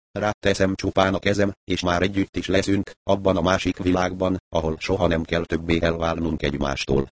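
A man reading a first-person mystery story aloud, in measured storytelling narration. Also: sits low, no echo. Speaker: audiobook narrator.

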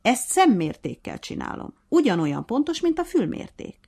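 A woman's voice: a little high, big pitch swings, vocal fry, a little mellow, slightly rough, voice pushed up, full character voice. A woman voicing a strict, bossy hare referee. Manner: strict, commanding. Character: bossy fair-minded male hare referee.

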